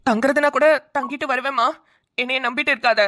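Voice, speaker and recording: A fretful cartoon mother-in-law, acted by a woman, doting and dramatic in her worry. Her voice is high-pitched and bright. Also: steady tone, quick pace. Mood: fussing. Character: fussy doting mother-in-law, middle-aged. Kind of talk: cartoon voice acting.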